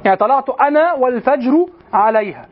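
High-voiced man lecturing a class. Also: expressive, fast, narrow, tinny audio. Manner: explanatory, often checks understanding with questions. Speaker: teacher. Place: lecture room at an institute.

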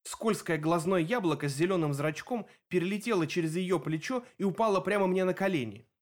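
A man reading a first-person audiobook narration in a lively, expressive way. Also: high voice, fairly quick.

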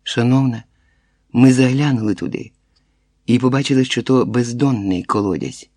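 A man reading the lines of a male stranger at the door who speaks with put-on calm, placating and evasive. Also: medium pitch, moderate pace, no echo, studio quality, natural voice. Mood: falsely calm.

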